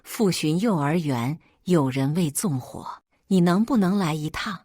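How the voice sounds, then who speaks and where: A man's voice: on the high side, lively intonation, a little slow, a little mellow, no echo. A woman voicing a tense ex-husband and father who pleads urgently, in a dry recording. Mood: shaken.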